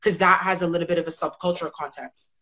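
A woman hosting an interview over a video call, asking measured questions and giving brief affirmations. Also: fairly low pitch, steady tone, pushed and bright. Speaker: interviewer, host. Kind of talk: conversational interview. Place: indoor room at home.

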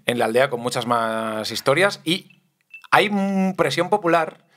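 A man's voice: mid-range voice, fairly even intonation, measured pace, a bit bright. Spanish man, jokey podcast co-host, casual storytelling banter. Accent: Spanish from Spain. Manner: jokey, laughs often, chatty storyteller.

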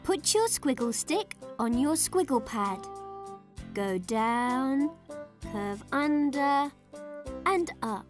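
A woman voicing a friendly little male cartoon monster who loves drawing, talking slowly and gently to young children. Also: high-pitched, expressive, faint music behind. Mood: cheerful. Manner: slow, gentle and cheerful, speaking to children. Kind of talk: cartoon voice acting for preschoolers.

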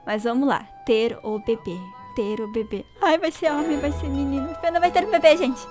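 Brief: young woman host, excitable gaming chatter, high pitch. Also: normal speed, over music. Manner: chatty, excitable, addresses viewers as gente. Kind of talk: casual let's play commentary.

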